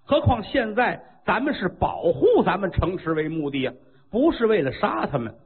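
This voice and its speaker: A man's voice: sits high, very animated, normal speed, phone-quality sound. A man doing a shrewd old general. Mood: persuasive.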